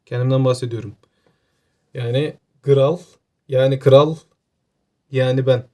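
A man with an Aegean Turkish accent giving casual, joking gameplay commentary, excitable and talking to himself. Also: on the high side, normal speed. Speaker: gaming YouTuber.

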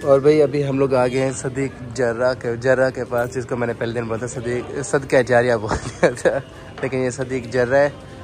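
A man's voice: medium pitch, little pitch movement, moderate pace, crowd noise. A man hosting a casual family vlog, chatting to his viewers as guys and teasing the children with him while out at the shops. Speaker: family vlogger. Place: out and about at shops and a market.

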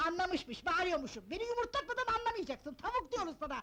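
An actress playing a fussy, excitable older mother-in-law in a comic film, scolding and exclaiming. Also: extremely high pitch, fast talker, very noisy. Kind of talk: 1970s film comedy acting.

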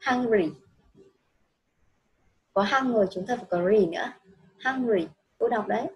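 A woman's voice: fairly high pitch, normal speed, dull audio. A woman teaching a child English, patient and coaxing, repeating each answer back. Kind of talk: one-on-one children's English lesson.

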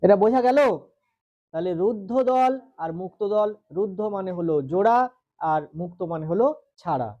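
With a West Bengal Bengali accent, a male teacher leads a grammar lesson, questioning and drilling students as he stretches syllables. He has a high-pitched voice with lively intonation and keeps a moderate pace, and the sound is lo-fi.

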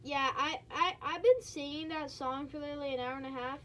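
A woman giving casual, excitable commentary while playing a game, chatting to her viewers with quick exclamations. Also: high voice. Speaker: gaming streamer.

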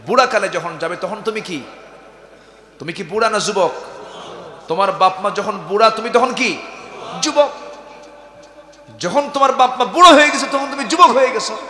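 A man preaching a waz sermon to a crowd. He keeps firing rhetorical questions at the audience and swings from hushed lines to shouts. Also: high-pitched, moderate pace, long pauses. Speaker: Islamic preacher. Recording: echoey hall with long reverb.

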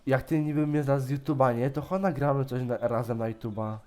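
Man, gaming YouTuber, casual chat, playful teasing, relaxed dark tone. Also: mid-range voice, a little fast. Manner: teasing, joking, playfully mocking. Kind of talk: casual gaming chat, pranking another player.

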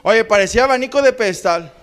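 A man's voice: high voice, fast, fairly bright tone, slight background noise. A young man with a Monterrey accent doing stand-up comedy, telling a crude, slangy story on a comedy club stage. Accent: northern Mexican, Monterrey. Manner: rowdy, slangy, crude punchlines.

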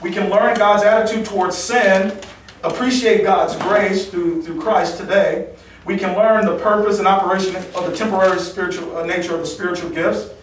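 A man's voice: high-pitched, steady tone, moderate pace, a little hiss or hum. A male pastor teaching from the Bible in a sermon, repeating key phrases and checking in with "okay?". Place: church sanctuary. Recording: echoey church hall from far off.

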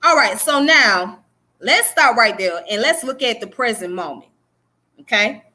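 A woman in her thirties with a Southern US accent gives a casual livestream history talk to her viewers, speaking emphatically and a bit preachily. She keeps checking in with "okay?" Her voice is a little high and sharp in tone, with lively intonation and an unhurried pace, picked up close on a webcam in a small indoor room.

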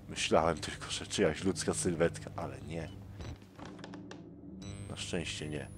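Muttering under his breath, a let's play gamer narrates a horror game in a tense, jumpy way with a fairly low voice. Clearly audible background noise sits beneath his commentary.

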